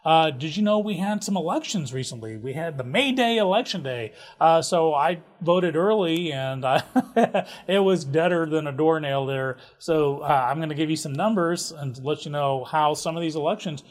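A man's voice: a little high, moderate pace. A man hosting a casual local events rundown, chatty and jokey with offhand asides. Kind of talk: casual community calendar rundown.

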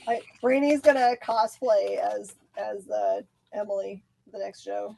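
A woman's voice: medium pitch, huge pitch swings, measured pace, creaky, warm tone, rough recording. A woman chiming in with brief, playful remarks in a casual chat.

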